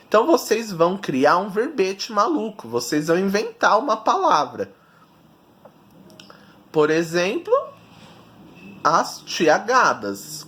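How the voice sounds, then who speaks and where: A man's voice: sits high, a bit bright. A man, a teacher giving a recorded video lesson and patiently explaining each step to children.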